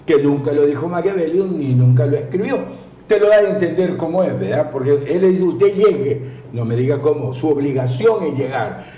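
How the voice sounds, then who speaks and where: A man's voice: a little high, warm tone, reverberant, a little hiss or hum. A man explains political theory in a professorial way on a studio talk show, often ending with tag questions. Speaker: political analyst.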